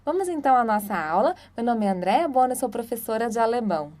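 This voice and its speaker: A woman, a German teacher giving a patient, explanatory online lesson and sounding out example words slowly. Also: fairly high pitch, lively intonation, darkish tone. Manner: patient, explanatory, frequent "tá?" and "então"; slow, drawn-out model pronunciations.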